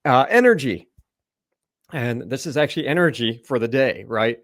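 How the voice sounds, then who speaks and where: A man's voice: medium pitch, lively intonation, normal speed, fairly bright tone, dry recording, clean studio sound. A middle-aged man, a naturopathic doctor, explaining a slide presentation in a loose conversational way, with lots of fillers and restarts.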